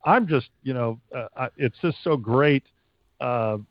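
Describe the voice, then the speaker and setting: A man's voice: mid-range voice, measured pace, no room sound. Dry, dull-sounding American man in interview. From United States. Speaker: stadium announcer being interviewed. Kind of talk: casual interview talk.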